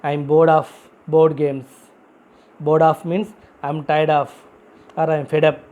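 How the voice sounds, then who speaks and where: A man's voice: a little high, little pitch movement, measured pace, narrow, tinny audio. A man teaching a vocabulary lesson, spelling words out letter by letter and repeating each example sentence. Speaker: English teacher.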